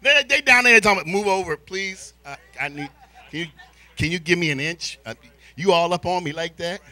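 In a large church hall indoors, a middle-aged American man preaches as a church elder, telling stories and calling for responses from his congregation through a handheld mic. He was born in Spain to an American military family, and his voice sits high. Animated and theatrical, he draws out emphasis and swings from hushed asides to shouts.

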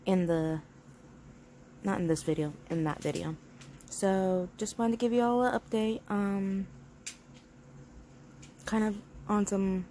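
Quiet, mellow woman giving a casual update. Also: fairly low pitch. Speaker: vlogger. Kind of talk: casual chat update to camera. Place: small dim room at home, indoors. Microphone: phone at arm's length. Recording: faint background noise, home phone recording.

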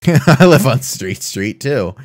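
A man's voice: mid-range voice, slow. A young man chatting casually during a game, teasing his friend with dry remarks. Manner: dry teasing, lively reactions. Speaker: gaming channel co-host. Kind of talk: casual gameplay chat.

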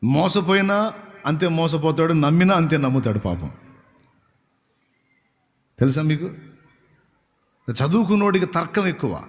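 A man preaches a storytelling sermon in a conversational way, often turning questions to his listeners. His voice sits a little high. It rings with long reverb in a church hall. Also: expressive, unhurried, pauses often.

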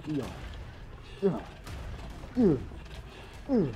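A jumpy man on a gaming team, his darker, mellow voice swinging widely in pitch. He chats casually and rattles off urgent warnings over and over. A faint hiss sits behind him. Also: sing-song, extremely slow, dull audio. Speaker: gaming teammate.

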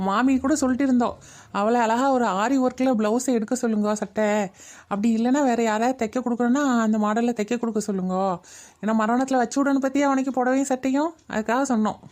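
Woman voicing a fast sarcastic scold. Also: on the high side, fairly even intonation, a little mellow, lightly acted. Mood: plain. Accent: Kayalpattinam Tamil. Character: sharp-tongued scolding older woman. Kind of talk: cartoon voice acting.

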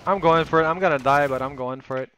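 A Polish man in his thirties, whose first language is Polish, streams a shooter game from a room at home on a headset, chatting casually in English and French. His fairly high voice moves quickly, switching languages and turning excitable when he calls out cheaters.

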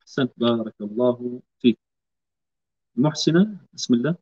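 A man's voice: mid-range voice, lively intonation, normal speed, mellow, breathy edge. A man teaching a Quran recitation class online. He patiently corrects students and models each word for them to repeat. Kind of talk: online tajweed class instruction. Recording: lo-fi online call audio.

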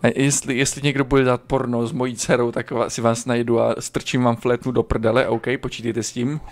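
A man streaming a video game, commenting casually and crudely, swearing often and breaking into sudden high yelps. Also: flat delivery. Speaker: gaming streamer. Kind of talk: casual let's-play commentary.

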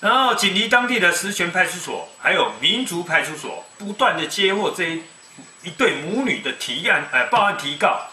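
Animated Taiwanese man in his fifties. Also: high-pitched, normal speed. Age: 50s. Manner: animated, folksy, mixes Mandarin and Taiwanese Hokkien. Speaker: web TV commentator. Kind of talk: casual commentary on news. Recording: echoey room, distant mic, faint noise.

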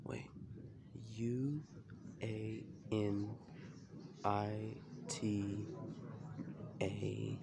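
Slow-talking young man in a museum. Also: fairly low pitch, flat delivery, vocal fry, background noise. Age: young adult. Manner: curious, musing aloud. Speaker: vlogger. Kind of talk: casual museum walk-through. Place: indoor art museum.

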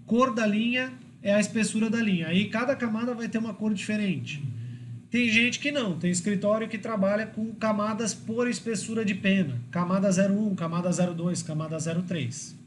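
Man, Brazilian Portuguese accent, university lecture, high-pitched, frequent tag questions, faint background ambience. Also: moderate pace, slight background noise. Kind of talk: classroom lecture on drawing software.

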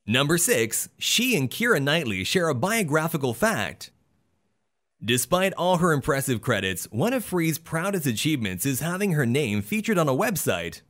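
Upbeat male voice-over narrator, lively pitch. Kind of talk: scripted narration.

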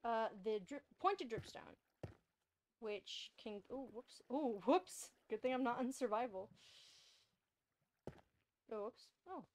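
Bubbly high-voiced young woman streamer. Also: expressive, slow pace, pauses often, a little hiss or hum. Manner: bubbly, rambling, laughs often. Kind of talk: casual gameplay chat.

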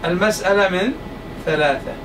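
A man's voice: high-pitched, fairly quick. A man teaching a classroom lecture on inheritance law, repeating points emphatically and calling for attention. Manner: repetitive, emphatic, calls for attention. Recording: distant mic, faint room hum.

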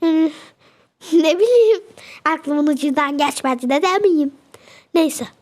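A woman's voice: high-pitched, slow, darkish tone. A young woman chatting casually as she narrates a game, fretting and exclaiming as she goes. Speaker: game video creator.

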